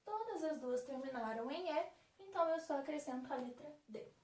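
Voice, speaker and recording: A woman's voice: sits high, expressive, normal speed, darkish tone. A woman teaching English grammar as a recorded lesson, patiently explaining rules step by step and checking in with her students. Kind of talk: recorded remote lesson for high-school students. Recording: echoey room, far from the mic.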